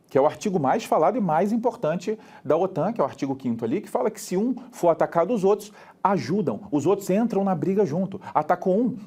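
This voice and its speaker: Animated Brazilian man teaching history. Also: on the high side. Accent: Brazilian Portuguese. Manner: animated, plays out characters in quick street talk. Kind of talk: lively lesson.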